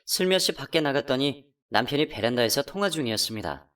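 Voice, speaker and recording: A woman plays a betrayed wife who tells her own story in a radio drama. Her pitch swings widely as she accuses and pleads. The mic sits a little distant. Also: lively intonation, fast talker, a bit bright. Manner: emotional, accusing, pitch climbing when upset. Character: betrayed wife, hurt and furious. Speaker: narrator and voice actor. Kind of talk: first-person radio drama narration.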